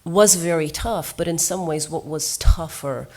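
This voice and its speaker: A woman's voice: low voice, unhurried, darkish tone. A woman from Norway, a musician on a seminar panel, telling her experiences in an earnest, reflective way.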